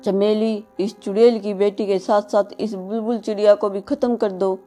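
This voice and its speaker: A woman voicing a male owl sorcerer in a cartoon, scheming and harsh, giving loud commands. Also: medium pitch, level tone, measured pace, soft background music, voice pushed down, natural voice. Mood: commanding.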